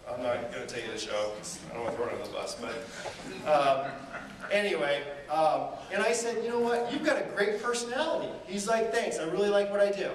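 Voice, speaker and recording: A fairly high-pitched, brisk male voice drives an energetic live seminar as a motivational speaker tells stories and asks his audience rhetorical questions. The sound comes from a distance in an echoey event hall, with faint background noise.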